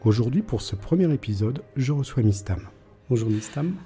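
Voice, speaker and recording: A man hosting a podcast, reading a measured intro and asking the guest questions. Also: medium pitch, expressive, dark tone, faint music behind. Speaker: podcast host.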